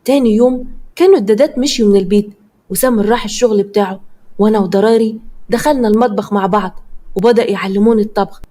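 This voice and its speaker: A woman with an Egyptian accent narrating a first-person story with a lively, dramatic telling. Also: mid-range voice, very fast. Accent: Egyptian Arabic.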